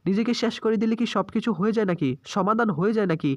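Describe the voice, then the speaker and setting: A man's voice: sits high, quick pace, no echo, voice pushed up, natural voice. A man voicing an exasperated older man lecturing about young people. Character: stern older man lamenting youth.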